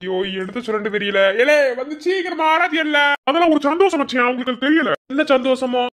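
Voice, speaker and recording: A man with a Madurai Tamil accent voicing a village brother-in-law and doting father in a cartoon, joking with family and softly coaxing his child. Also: extremely high pitch, quick pace. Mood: bantering. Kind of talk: cartoon voice acting.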